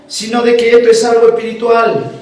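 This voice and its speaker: A man preaching a sermon as pastor, moving between forceful preaching and soft, emotional storytelling. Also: extremely high pitch, monotone, a little fast. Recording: echoey church sound from a distant mic.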